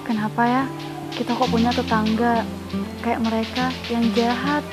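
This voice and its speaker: A woman playing a meek, soft-spoken poor wife. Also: on the high side, level tone, normal speed, over loud music, natural voice. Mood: gentle. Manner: soft, apologetic. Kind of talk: web drama acting.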